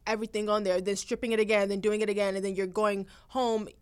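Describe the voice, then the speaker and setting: A woman's voice: mid-range voice, flat delivery, fast, clean tone. A young woman, a runway model, chatting casually and explaining things earnestly. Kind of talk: casual chat.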